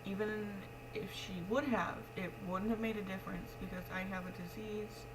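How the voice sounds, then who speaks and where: A woman's voice: mid-range voice, fairly even intonation, normal speed. A young adult woman talking casually and frankly to her vlog, rambling in a matter-of-fact way, with the speech of someone missing front teeth. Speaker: pregnant vlogger. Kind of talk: casual confessional vlog talk. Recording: clearly noisy home recording with hum.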